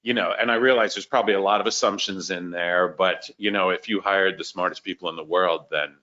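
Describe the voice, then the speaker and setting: A man speaking in a casual meeting discussion, measured with dry humor. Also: low voice, fairly even intonation, bright, forceful tone, highs cut off. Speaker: meeting participant.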